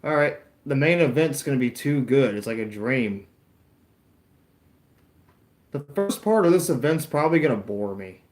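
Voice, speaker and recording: A man's voice: medium pitch, expressive, moderate pace, long pauses, darkish tone, echoey room. Rambling young man chatting to his stream. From Florida. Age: 20s. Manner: rambling, chatty, answers live chat, self-mocking. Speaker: YouTuber streaming a wrestling watch-along. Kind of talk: casual live-stream chat.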